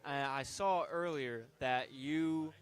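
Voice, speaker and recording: A man's voice: fairly high pitch, slow. A young man casually commentating a poker game on a stream, joking and rambling with fillers.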